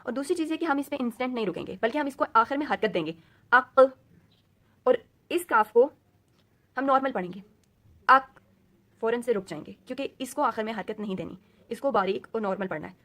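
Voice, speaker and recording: A woman teacher with a fairly high voice leads a recorded Quran reading lesson. She explains slowly and patiently, dropping English words into her teaching. She repeats each letter sound again and again so learners can copy it. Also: animated.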